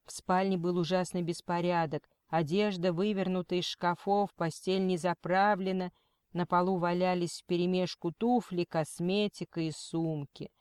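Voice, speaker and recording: A woman reading an audiobook as narrator, steady and unhurried. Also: fairly low pitch, smooth, dry recording. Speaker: audiobook reader. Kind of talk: scripted narration.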